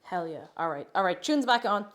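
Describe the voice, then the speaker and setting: A woman with a medium-pitched, expressive voice talks fairly quickly while hosting a casual livestream from her kitchen at home. She chats playfully with her viewers, repeats phrases, and drifts into sing-song nonsense syllables.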